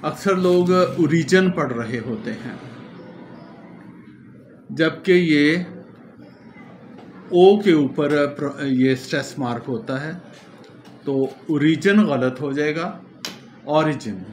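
Male teacher, slightly high voice, very slow and deliberate delivery, faint noise behind. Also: a little mellow. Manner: slow, explanatory, spells words out letter by letter. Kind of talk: classroom lecture.

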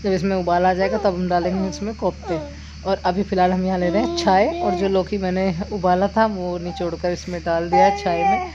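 A woman's voice: lowish voice, brisk. A woman chatting homely as she narrates her cooking step by step in a village home kitchen. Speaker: village vlogger. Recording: dull lo-fi sound with outdoor noise. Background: insects and crickets.

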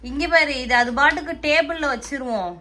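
A woman's voice: high-pitched, brisk. A woman chatting casually at home as a vlogging mother, explaining things and talking fondly to her child. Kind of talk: casual family chat. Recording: noisy home recording.

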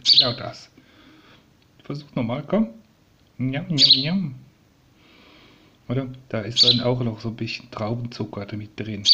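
A man talking softly and doting to a young sparrow he is raising, coaxing it and explaining to viewers in a casual home video. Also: mid-range voice, lo-fi sound, very noisy. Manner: coaxing, soft and doting, often dropping to a whisper. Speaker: vlogger raising a rescued sparrow. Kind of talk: casual talk to a bird and viewers. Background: sparrow chirping.

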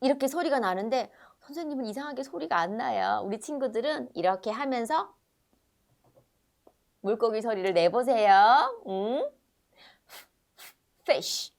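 A middle-aged woman with a Korean accent teaching children phonics, drawing out English words in a sing-song way and explaining quickly in Korean. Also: a little high, big pitch swings, gravelly.

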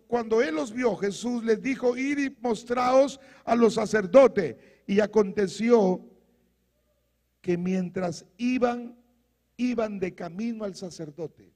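A male preacher with a strikingly high, gravelly voice that climbs into shouts. He calls out to his congregation in a fiery sermon. The sound rings with the long reverb of a church hall. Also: slow, long pauses. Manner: preaching with rising shouts and congregational call-and-response. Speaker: pastor.

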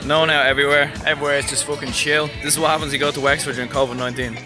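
A man's voice: a little high, flat delivery, racing. A man, casually narrating a road-trip vlog into a handheld camera, upbeat and slangy. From Ireland. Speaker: travel vlogger. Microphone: handheld camera at arm's length. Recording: loud music bed under the voice.

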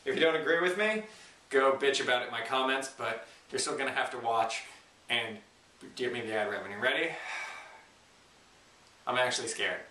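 A man's voice: mid-range voice, normal speed, pauses often, pushed and bright, slight background noise. A man chatting casually to camera in an informal, self-deprecating, joking way as a challenge vlogger. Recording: roomy echo, distant microphone.

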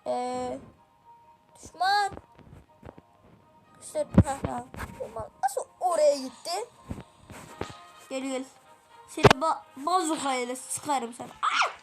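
Turkish woman, gaming host, high voice, excitable running commentary, game music loud underneath. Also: slow, pauses often, low-quality recording. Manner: excitable, talks to viewers, groans and exclaims at the game. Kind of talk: let's-play gameplay commentary.

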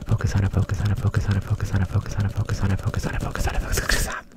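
A man in his thirties doing fast, aggressive ASMR in a breathy whisper close to the microphone, rapidly repeating short phrases. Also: on the low side, completely flat delivery, very noisy. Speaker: ASMR creator. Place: small indoor room. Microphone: close desktop condenser microphone.

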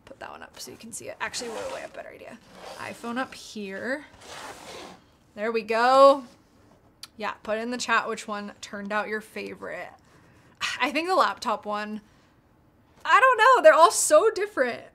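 Chatting on her livestream, this bubbly young American YouTuber speaks in a slightly high, fairly bright voice. She reads viewers' comments out loud as she talks.

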